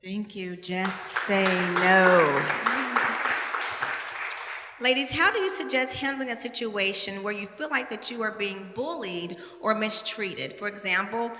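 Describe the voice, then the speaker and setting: A woman's voice: mid-range voice, a little slow, bright, forceful tone, a faint crowd, slight background noise. A woman moderating a panel discussion in a large hall with an audience, upbeat and encouraging as she asks questions.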